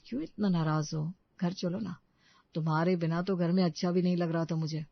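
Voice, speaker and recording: A woman's voice: fairly low pitch, steady tone, brisk, creaky, no room sound, highs cut off. A woman voicing a mild-mannered young husband in a cartoon story, speaking in a coaxing, placating tone. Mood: pleading.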